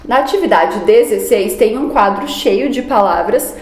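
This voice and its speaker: A woman teaching young pupils, explaining step by step in a clear, patient way. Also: on the high side, expressive, a little slow, darkish tone, reverberant. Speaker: primary school teacher. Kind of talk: recorded review lesson for children.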